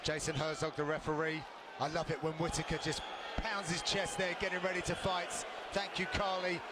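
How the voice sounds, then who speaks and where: A man's voice: high-pitched, steady tone, brisk. A man giving live play-by-play commentary on a fight as a broadcast commentator. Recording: very loud crowd and arena noise. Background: roaring arena crowd.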